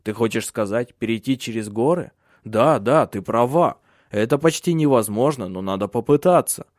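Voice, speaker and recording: A man voicing a steady, protective husband and father in an audiobook. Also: mid-range voice, moderate pace, dry recording, clean studio sound, lightly acted. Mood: urgent. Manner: firm, commanding.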